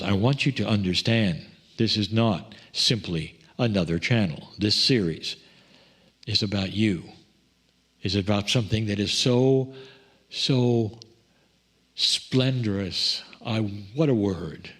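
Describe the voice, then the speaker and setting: A man speaking as a loving spirit entity in a channeled message, in a slow, tender, solemn way. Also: on the low side, husky, pitched above the performer's own voice.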